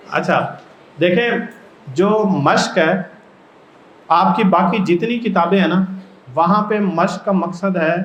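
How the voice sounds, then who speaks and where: A man's voice: fairly high pitch, slight background noise. A man from Pakistan training teachers in a workshop, explaining step by step and often putting questions to the room. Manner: explains step by step and keeps asking the audience questions. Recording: echoey room, dull lo-fi sound.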